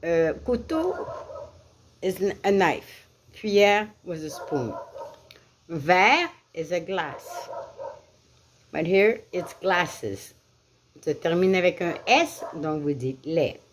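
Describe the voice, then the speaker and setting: A woman teaching French vocabulary as a lesson, repeating each word deliberately and giving English glosses. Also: fairly low pitch, animated, a little hiss or hum. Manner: slow, deliberate repetition of words for learners. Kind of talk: classroom lesson.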